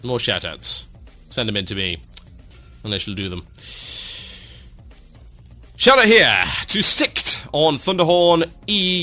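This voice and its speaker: A man hosting an internet radio show, reading out listener shout-outs with dry, sarcastic, mock-grand asides. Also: lowish voice.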